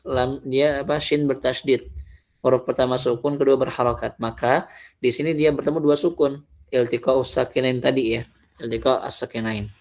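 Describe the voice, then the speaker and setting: A man teaching Quran recitation in a casual lesson, explaining rules and then slowly reciting example words in a drawn-out way. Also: medium pitch, vocal fry.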